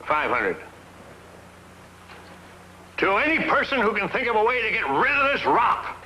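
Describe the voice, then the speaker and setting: An actor playing a gruff, stingy rich boss of an Old West town, blunt and bossy in a western comedy. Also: male voice, sits high, sing-song, unhurried, sharp tone, a little hiss or hum, full character voice, poor audio. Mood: grudging, irritated. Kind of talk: western screen comedy acting.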